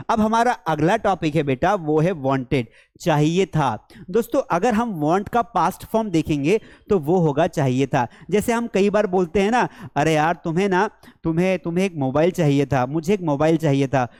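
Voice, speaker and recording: A man with an Indian accent teaching spoken English. He explains step by step, asks his own questions, answers them, and says the English examples slowly. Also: a little high, darkish tone. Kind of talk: spoken English lesson in Hindi.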